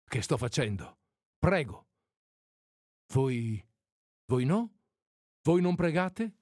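A man's voice: medium pitch, very animated, very slow, darkish tone, no room sound, clean studio sound. A man voicing an agitated elderly village priest who pleads and grows angry. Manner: pleading, rising to anger.

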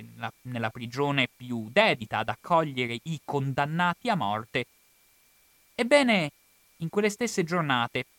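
A man with an Italian accent giving a formal, measured spoken account of history, now and then correcting himself mid-phrase. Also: fairly high pitch, bright, forceful tone, no echo. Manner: measured, formal delivery with occasional self-corrections. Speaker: history lecturer.

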